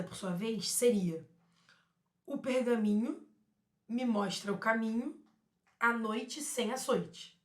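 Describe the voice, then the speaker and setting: A woman teaching a lesson on poetic meter, often repeating words and restarting, and reading verses aloud slowly. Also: mid-range voice. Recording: echoey room.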